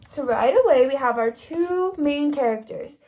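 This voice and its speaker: A woman with a high voice teaches kindergarten through an interactive picture-book read-aloud, reading expressively and pausing to ask questions and explain.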